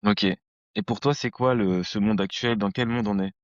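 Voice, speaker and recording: Lowish-voiced man in his thirties hosting. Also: steady tone, normal speed, dry recording, lo-fi sound. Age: 30s. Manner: slangy, rambling storytelling. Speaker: podcast host. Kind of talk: casual conversation.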